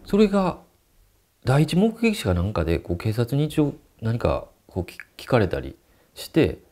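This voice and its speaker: A man's voice: mid-range voice, wildly swooping pitch, moderate pace, dark tone. A man telling a ghost story and acting out the quoted dialogue.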